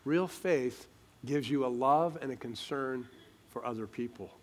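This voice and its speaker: A man's voice: medium pitch, unhurried. A man preaching a sermon, emphatic and rhetorical, asking questions and reading scripture aloud.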